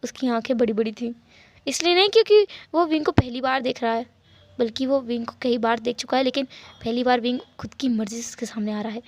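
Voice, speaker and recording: High-voiced woman narrating a story. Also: fast talker, darkish tone. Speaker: fan-fiction narrator. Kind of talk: reading fan fiction aloud.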